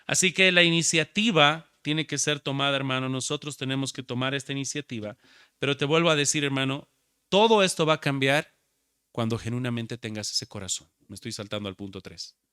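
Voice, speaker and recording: Bright-voiced preacher man exhorting his flock. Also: medium pitch, fairly quick, clear, resonant tone, dry recording, studio quality. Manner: exhorting, addresses listeners as brother. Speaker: pastor. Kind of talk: sermon.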